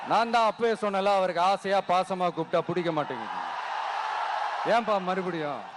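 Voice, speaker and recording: A man giving a fiery political rally speech as a party leader, firing off rhetorical questions and often shouting. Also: high voice, lively intonation, fast. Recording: loud background noise.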